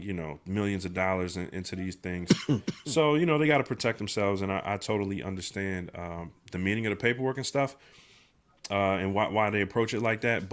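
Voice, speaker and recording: A man running a livestream talks at a fairly low pitch with a fairly bright tone, though a sinus infection makes him nasal. He chats casually in easygoing slang and keeps restarting and filling pauses.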